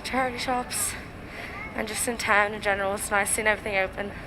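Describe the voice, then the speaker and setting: A woman's voice: mid-range voice, fairly even intonation, a little fast. A young woman talking casually and informally to a vlog camera. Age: young adult. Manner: chatty, informal. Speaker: student vlogger. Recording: noisy outdoor city vlog.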